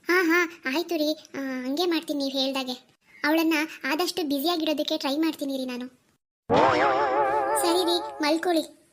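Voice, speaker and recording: A woman voicing a gentle, caring young wife in a cartoon who speaks softly and reassuringly. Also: sits high, steady tone, normal speed, long pauses, faint music behind, lightly acted. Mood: agreeable. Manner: soft, reassuring. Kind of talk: cartoon dialogue acting.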